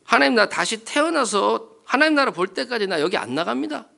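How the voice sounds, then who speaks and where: A woman's voice: fairly high pitch, expressive, a little fast, creaky, bright, forceful tone, heavily acted. A man voicing a young woman deacon who prays earnestly and pleads with God. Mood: pleading.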